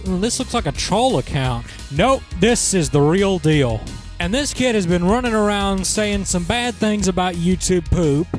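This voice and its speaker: A young man hosting a sarcastic commentary on a video, mocking and quick with asides. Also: sits high. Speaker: commentary host.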